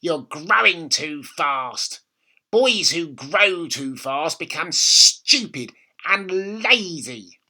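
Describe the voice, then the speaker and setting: A man voicing a nasty, bossy old grandmother from a children's storybook, scolding and snapping with drawn-out emphasis. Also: on the high side, expressive, pushed and bright, pitched above the performer's own voice, heavily acted. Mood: scolding, snappish.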